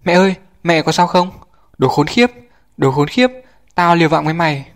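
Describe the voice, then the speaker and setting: A man voicing a teenage boy who yells hotly at his enemies. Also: on the high side, lively intonation, normal speed, pitched above the performer's own voice. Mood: yelling angrily. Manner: yelling hotly. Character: teenage boy, frightened then enraged.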